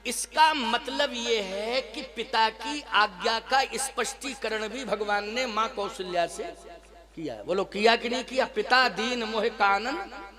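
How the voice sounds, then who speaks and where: Slow, high-voiced male preacher with music. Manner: rhetorical questions to the audience, slow and emphatic. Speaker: kathavachak preacher. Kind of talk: devotional sermon with sung verses. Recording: live music behind the voice. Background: musical instruments.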